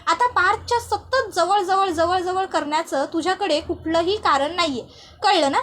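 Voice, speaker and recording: A woman's voice: extremely high pitch, normal speed, a bit bright. A woman voicing a jealous, scheming young woman rival, in a defiant, taunting manner.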